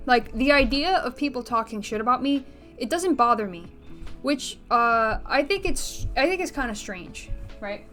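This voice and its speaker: A woman's voice: fairly high pitch, fairly bright tone. A woman vlogging in a casual, rambling way, a bit out of breath, full of filler words, restarts and blunt swearing. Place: bedroom.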